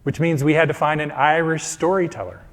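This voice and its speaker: Guy introducing a guest, voice a bit high, lots of hall reverb. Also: fairly quick. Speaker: church event host. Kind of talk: spoken introduction to an audience.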